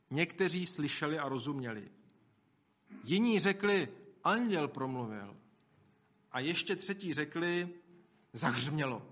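A male preacher giving a sermon in a bright, forceful voice that sits a little high. He talks to the congregation in a conversational way, with asides, and acts out the quotes he tells.

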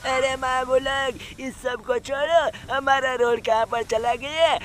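A man's voice: very high voice, fairly even intonation, unhurried, a bit bright, slight background noise. A man voicing a cocky, teasing cartoon sidekick who drawls his orders in a comic gameplay dub.

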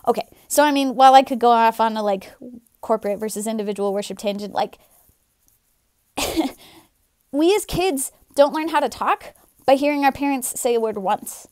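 A woman's voice: a little high, normal speed, a little mellow, clean tone, no room sound, clean studio sound. A young woman speaking to camera from her living room, sharing an opinion in a chatty, earnest way full of fillers. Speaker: vlogger. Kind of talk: casual opinion vlog.

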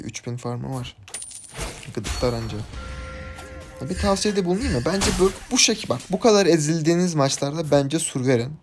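A young man, casually commenting his own ranked game, excitable and chatty with teammates and viewers. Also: mid-range voice. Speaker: gaming YouTuber. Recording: game music behind the voice.

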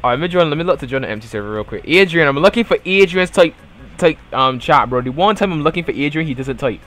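Quick and expressive, with a fairly high, slightly bright pitch, a young man from Barbados banters with his chat during a live game stream over soft background music. His Bajan-accented talk is slangy and easygoing, drifting off into mumbled filler words.

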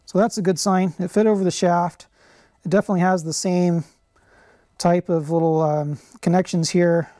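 In his garage workshop, a middle-aged channel host walks through a how-to repair video, explaining things in a relaxed way with plenty of "uh" and "um." His voice is high-pitched and moves at a normal speed, picked up by a lapel mic.

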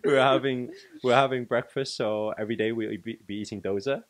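A man's voice: medium pitch, fairly even intonation, a little fast. A man on a casual podcast telling funny anecdotes between chuckles.

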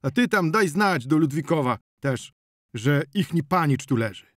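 A man voicing a commanding older male farmer who calls out loud orders in an audiobook. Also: medium pitch, animated, moderate pace, gravelly, no echo, studio quality.

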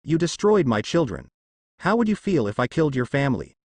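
Man reading as a mocking demon villain, taunting, lively delivery. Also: on the high side, fairly quick, dry recording. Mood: gloating. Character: gloating, menacing male demon.

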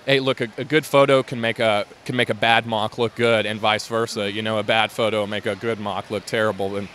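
Inside a convention hall, a man gives a casual interview about his LEGO build, speaking fairly quickly in a lowish, flat, fairly bright voice. He meanders with frequent fillers and restarts, and there's a little hiss or hum.

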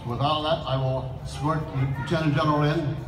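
Older male clerk, fairly high voice, informal jokey public address, echoing outdoor PA, noisy background. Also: steady tone, fairly quick. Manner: jokey, off-the-cuff. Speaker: ceremony clerk of the court. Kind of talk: informal ceremonial address to a crowd. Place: outdoor town square, over speakers.

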